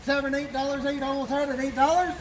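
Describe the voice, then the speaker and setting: Very high-voiced man calling auction bids. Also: fairly even intonation, quick pace. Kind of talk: singsong repetitive auctioneer bid-calling. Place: live auction sale. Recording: clearly noisy live auction recording.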